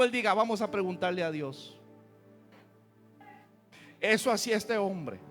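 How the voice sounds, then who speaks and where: A man preaching a fiery, folksy sermon with a high, ringing voice. His words trail off in the long reverb of a church hall, with soft music playing behind him. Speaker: pastor.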